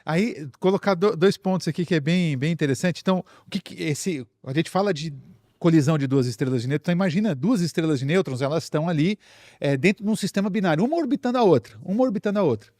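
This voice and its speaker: Appearing as a guest science expert, a Brazilian man speaks fast in a fairly high, slightly mellow voice with lively intonation. His explanations are casual and built up step by step, with repeated phrases for emphasis, and the recording is close and dry with no echo.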